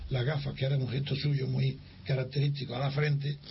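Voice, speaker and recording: A man's voice: mid-range voice, brisk, creaky. An older man from Spain recounting a personal memory in an interview, acting out the dialogue with frequent restarts. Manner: lively storyteller who acts out dialogue, with frequent restarts. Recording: dull lo-fi recording with faint hiss.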